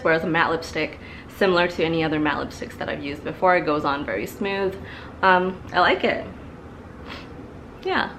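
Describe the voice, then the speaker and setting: A low-pitched, fairly bright female voice with slight background noise belongs to a beauty vlogger in her twenties. Slightly stuffy from allergies, she casually chats through a makeup review in her living room, seated before a couch, full of fillers and repeated words.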